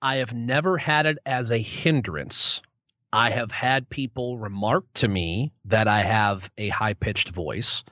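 This young adult man is a sports play-by-play broadcaster, speaking a little slowly in a low, sharp-toned voice. He answers interview questions with good humor and self-deprecation, restarting often. The recording is dull and lo-fi with no echo.

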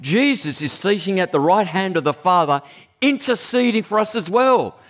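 At a moderate pace, this preacher addresses his congregation conversationally and with animation, now and then bursting into abrupt high-pitched exclamations.

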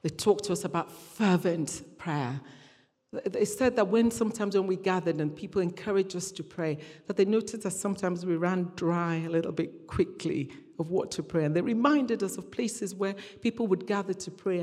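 Preaching to a congregation in a large hall or church, this guest speaker, a woman with a dark, mid-range voice, tells stories in a conversational, earnest sermon. She often repeats phrases and voices dialogue, and the recording carries reverberant hall sound.

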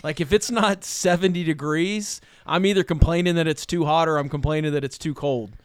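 A middle-aged man with a smooth, clear voice pitched a little high hosts a relaxed talk. He speaks as a pastor, loose and rambling, with a joking warmth of tone and plenty of fillers. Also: fairly quick. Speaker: pastor and podcast host. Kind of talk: casual chat.

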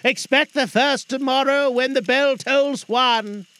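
A man's voice: extremely high pitch, measured pace, bright, forceful tone, clean tone, no room sound, voice pushed up, full character voice. A man voicing a mournful, chained old male ghost who speaks in a solemn, declamatory way. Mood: grave warning.

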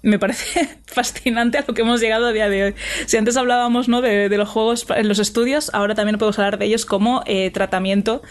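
A woman's voice: fairly high pitch, steady tone, quick pace. A woman co-hosting a casual podcast, speaking with many fillers and restarts. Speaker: podcast co-host.

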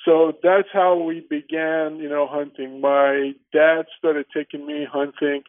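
A man's voice: fairly high pitch, level tone, a little slow, no echo. A man from Armenia with an Armenian accent, a guest speaking earnestly in a casual interview over the phone. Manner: earnest, restarts often with "you know". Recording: tinny phone line.

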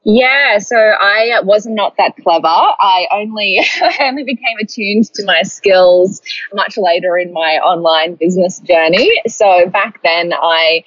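A woman's voice: medium pitch, measured pace, a bit bright, no room sound, dull audio. A woman in her thirties with a Brisbane Australian accent, chatting as an interview guest, laughing often and using many fillers. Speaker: guest, startup founder. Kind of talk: casual interview chat.

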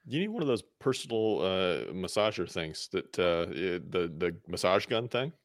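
Very deep-voiced man, laid-back co-host. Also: very animated, normal speed, no echo, studio quality. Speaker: podcast co-host. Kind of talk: casual chat.

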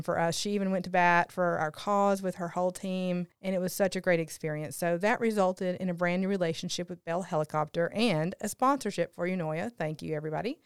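Very clear-voiced woman hosting a podcast. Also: lowish voice, no echo, clean studio sound. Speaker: podcast host. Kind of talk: casual podcast chat and introductions.

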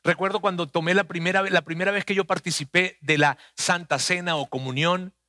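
A man's voice: high voice, steady tone, brisk, pushed and bright, no room sound. A man, preaching a conversational sermon that speaks earnestly and personally to the listener.

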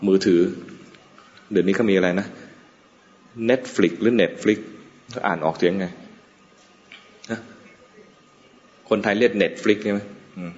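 A male Buddhist monk gives a dharma talk in a low, unhurried voice, slipping in light jokes and soft chuckles. His words ring out with a long hall reverb. The sound is dull and muffled. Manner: relaxed, joking asides with frequent chuckles. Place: meditation hall.

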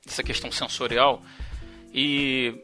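A man's voice: medium pitch, little pitch movement, measured pace, pushed and bright, soft background music. A man co-hosting a podcast, casually bringing up something he read and asking his co-host about it. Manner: conversational, relays what he read. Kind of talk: casual discussion.

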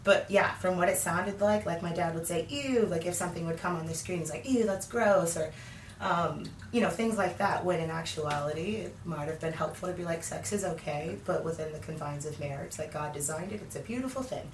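A candid woman in her thirties tells her faith story in an interview, rambling through fillers with a lowish voice. She sounds a bit far from the mic in an echoey room, with faint ambient noise. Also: fairly quick. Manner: candid, many fillers, laughs often. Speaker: guest.

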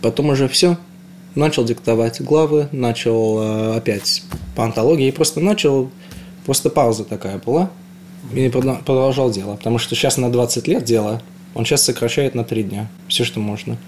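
Young man, casual halting interview answers, faint noise. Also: mid-range voice, darkish tone. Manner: hesitant, halting, with frequent restarts. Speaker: interview guest. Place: house.

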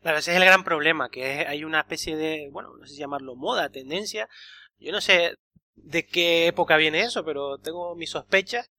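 A man co-hosting a podcast, talking in an animated, opinionated way with frequent restarts. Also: a little high, normal speed. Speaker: podcast co-host. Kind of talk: casual conversation.

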